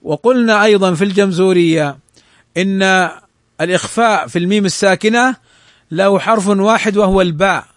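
Guy teaching tajweed rules, high voice, recites examples slow, dry close mic. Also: no echo. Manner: explains rules, then slowly recites examples to show them. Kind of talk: tajweed lesson explaining a text.

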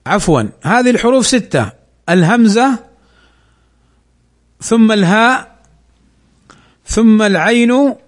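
A man teaching Quran recitation rules, asking questions and slowly drawing out recited examples. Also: high-pitched. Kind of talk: slow Tajweed lesson.

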